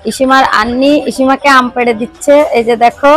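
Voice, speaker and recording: A woman's voice: high voice, little pitch movement, a little fast, fairly bright tone. A woman filming a little girl for a family vlog, coaxing her in playful baby talk and asking her for animal sounds. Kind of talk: casual vlog chat, talking to a toddler.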